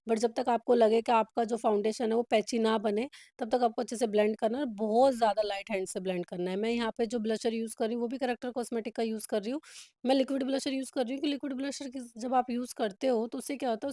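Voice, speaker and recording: Makeup artist from India, casual instructive voice-over, mellow tone, slightly high. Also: female voice, dry recording, clean studio sound. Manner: chatty, instructive, code-switching with English words.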